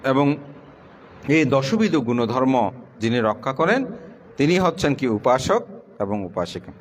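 A middle-aged Buddhist monk delivering a sermon to lay followers in a plain, conversational way, his voice sinking low as he finishes each point. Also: very animated, measured pace, slight background noise. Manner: plain conversational preaching, pitch drops at the end of points.

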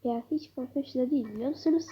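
A woman's voice: high-pitched, racing, dull audio, slight background noise. A woman with a stuffy nose, rambling, swearing and muttering nervously as she comments on her gameplay. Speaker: gamer. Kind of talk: let's-play commentary.

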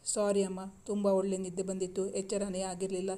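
A woman's voice: medium pitch, completely flat delivery, fairly quick, warm tone, lightly acted. A woman reading the lines of a shy young wife in a storybook romance, apologetic and sulky.

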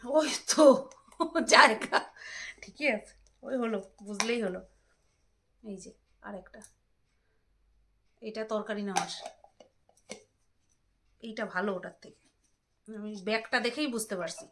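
A woman's voice: medium pitch, unhurried, long pauses, noisy background. A woman, chatting casually as she unboxes items and teases her husband. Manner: teasing, bickering with her husband. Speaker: vlogger. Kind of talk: casual home vlog, unboxing.

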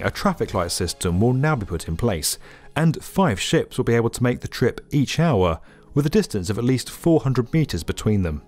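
A man narrating a scripted documentary in a lively, upbeat explainer manner. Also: mid-range voice. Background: faint background music.

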